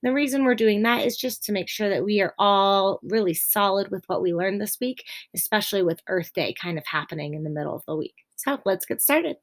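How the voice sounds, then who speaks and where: A young adult woman teacher giving a remote reading lesson to children, explaining slowly and clearly and reading aloud with expression. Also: mid-range voice.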